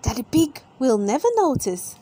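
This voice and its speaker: A woman's voice: high voice, sing-song, normal speed, mellow, husky, exaggerated voice. A woman voicing a sensible, teasing mother pig in a children's storybook, matter-of-fact. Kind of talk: children's storybook read-aloud.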